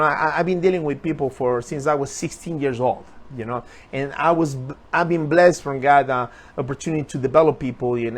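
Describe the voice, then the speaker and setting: High-voiced earnest motivational man. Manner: earnest, repetitive, urging viewers. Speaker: motivational speaker. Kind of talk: motivational talk on a live stream.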